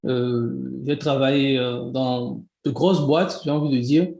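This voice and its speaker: A man's voice: mid-range voice, fairly even intonation, takes it slowly, creaky, darkish tone, echoey room. A man in his thirties from Benin with a Beninese French accent, a guest in a casual interview who talks with many restarts and laughs easily. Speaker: guest, e-commerce coach.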